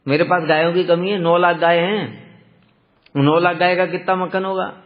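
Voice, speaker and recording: A man's voice: high voice, steady tone, moderate pace, natural voice. A male storyteller voicing a doting mother who defends her little son, with an indignant, protective tone. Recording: dull lo-fi sound with long hall reverb.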